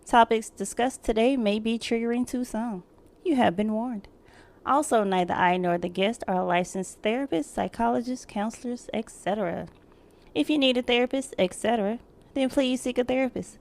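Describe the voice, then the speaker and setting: A woman's voice: a little high, vocal fry. A woman hosting a podcast, reading a firm, scripted intro and repeating key points for emphasis. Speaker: podcast host.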